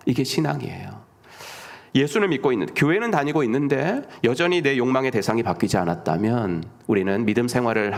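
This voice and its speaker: A middle-aged man preaching a sermon as senior pastor, often asking the congregation questions and answering them himself, sometimes dropping to a whisper. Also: medium pitch.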